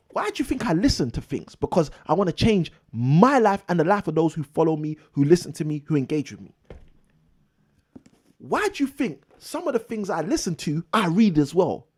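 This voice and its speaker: A man's voice: high-pitched, darkish tone, breathy edge. A man hosting a live property investing show, delivering a preachy motivational monologue that repeats phrases for emphasis.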